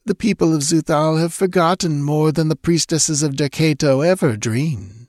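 A man's voice: a little high, moderate pace, a little mellow, no room sound, studio quality, voice pushed up, natural voice. A man reading aloud and voicing a seductive, lazily mocking Stygian woman. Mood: languid boasting. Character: sultry scheming Stygian woman, mocking and languid.

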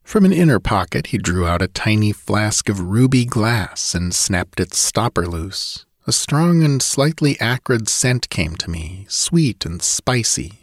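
A man's voice: fairly low pitch, dry recording. Man narrating a story, dry close sound. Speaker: audiobook narrator. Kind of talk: scripted narration.

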